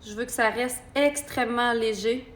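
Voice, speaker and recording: This makeup artist talks at a normal speed in a steady, fairly high voice with a Québécois French accent. Chatty and live, she walks her viewers through each stage of the makeup.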